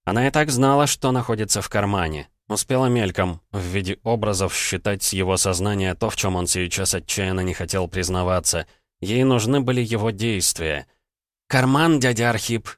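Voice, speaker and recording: A man reads an audiobook in a steady, measured way. His voice is deep and low. The recording is dry and close, with no room sound. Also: dry recording. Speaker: audiobook narrator. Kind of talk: scripted audiobook narration.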